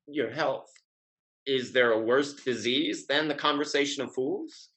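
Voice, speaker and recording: In a Restoration stage comedy, an actor plays a witty, lovesick gentleman suitor, speaking formally, wryly, and sententiously in a sardonic mood. His pitch is medium and his pace measured.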